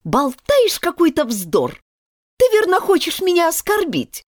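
A woman's voice: very high-pitched, wildly swooping pitch, a little slow, dry recording, clean studio sound, voice pushed up, exaggerated voice. Woman doing a touchy scolding mouse. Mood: offended. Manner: sharp, offended and scolding. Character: touchy, grumpy little female mouse.

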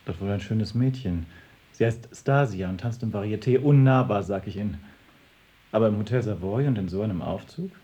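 An actor playing a smug, chatty young cousin with a glib, teasing manner. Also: male voice, fairly low pitch, fairly quick, dark tone, lightly acted. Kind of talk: radio drama acting. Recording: slightly dull radio studio recording.

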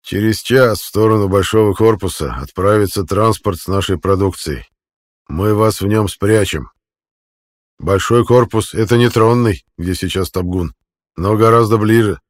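A man's voice: fairly low pitch, moderate pace, no echo, studio quality, lightly acted. A man voicing a very old male alien cook in an audiobook, eager and conspiratorial. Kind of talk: audiobook character voice.

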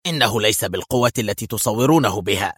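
A stern, curt commander of an armed force from an audio thriller, played by the male narrator. He talks in short, clipped replies in a slightly lowered voice. The recording is dry and close-miked. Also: lively intonation, quick pace, sharp tone, no echo.

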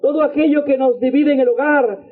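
A high-pitched man delivers a fervent sermon, his voice rising and sinking as he leads repeated prayers. The sound is thin and tinny, like a phone line. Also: fairly even intonation, fairly quick. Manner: fervent preaching, repeated invocations, swings between low and high pitch. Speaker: missionary preacher.

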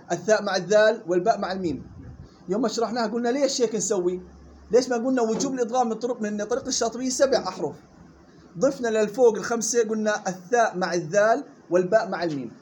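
A man teaching Quran recitation rules. He models the words slowly and quizzes his students. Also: sits high, a little mellow, a little hiss or hum. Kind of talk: tajweed lesson.

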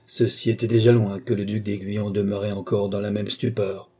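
A man narrating a classic novel as an audiobook in a measured, steady way. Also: on the low side, breathy edge.

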